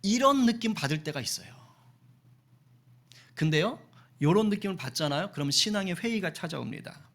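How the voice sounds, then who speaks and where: Lively conversational male pastor preaching. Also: high voice, a little fast, pauses often. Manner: conversational and lively, acting out the disciples' complaints. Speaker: senior pastor. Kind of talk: Sunday sermon. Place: church sanctuary.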